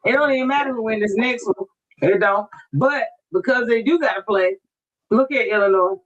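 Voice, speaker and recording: A woman's voice: on the high side, normal speed. Teasing woman with a dull lo-fi sound. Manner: playful, teasing, swears freely. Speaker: podcast co-host. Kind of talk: casual sports chat.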